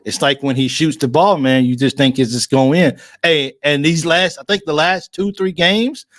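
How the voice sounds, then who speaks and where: A man's voice: a little high, normal speed, fairly bright tone, no room sound, clean studio sound. A man hosting a sports livestream, talking emotionally and effusively, repeating himself and restarting his phrases. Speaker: livestream sports show host. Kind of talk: excited casual fan commentary.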